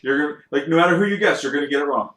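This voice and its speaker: A man co-hosting a casual sports podcast, joking and animated with quick asides. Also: on the high side, roomy sound. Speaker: podcast co-host.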